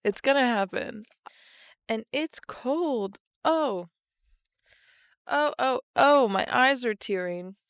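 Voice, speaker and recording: A young woman hosts her podcast solo outdoors by a train line in the cold, joking at her own expense and laughing between phrases. Her slightly high voice is clear and resonant with lively intonation, and she goes slowly, leaving long pauses. Recorded close on camera, the audio is dry and clean like a studio.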